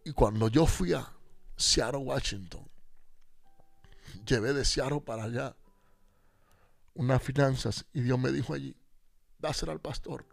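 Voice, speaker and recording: Male pastor, radio testimony, gravelly, animated, acts out each line of dialogue. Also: mid-range voice, measured pace, long pauses, dry recording, faint music behind. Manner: animated storyteller acting out dialogue. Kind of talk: personal testimony on a radio show.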